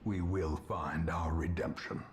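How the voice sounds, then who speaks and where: A man's voice: sits low, fairly even intonation, measured pace, breathy edge, heavily acted. A man voicing a doomed old nobleman ancestor who narrates a gothic horror game in a grandiloquent, brooding way with archaic wording. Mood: foreboding. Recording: loud music behind the voice.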